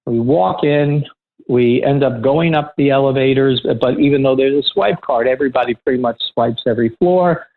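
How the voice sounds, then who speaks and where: A middle-aged man, a security professional and interview guest, telling a work anecdote in a lively, conversational way and acting out the dialogue. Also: medium pitch, moderate pace. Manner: lively storyteller who acts out quoted dialogue. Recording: tinny phone-like line.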